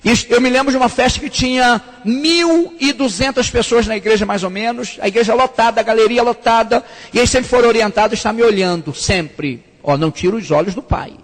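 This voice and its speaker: A man, a pastor, preaching to couples in a lively sermon and acting out the voices of the people in his stories. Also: very high-pitched, a little fast. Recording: reverberant church hall.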